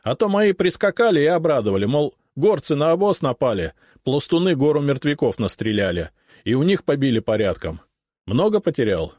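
A man's voice: on the high side, very animated, brisk, no room sound, studio quality, pitched above the performer's own voice. A man doing a hearty Cossack captain. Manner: loud, boisterous greetings.

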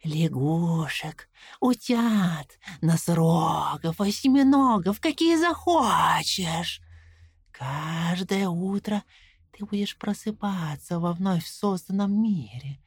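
Lady doing a creepy dry-leaf whisper of a fake old man, super slow, wheedling, storybook. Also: on the low side, no room sound, exaggerated voice. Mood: eager promising. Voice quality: breathy whisper. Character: dead whispering old man, rat-made copy, coaxing. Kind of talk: audiobook character voice.

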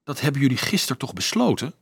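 A man's voice: medium pitch, very animated, fast, creaky, a bit bright, slightly rough, dry recording, full character voice. A man voicing a cunning, firm teenage boy in an audiobook. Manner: firm, controlled.

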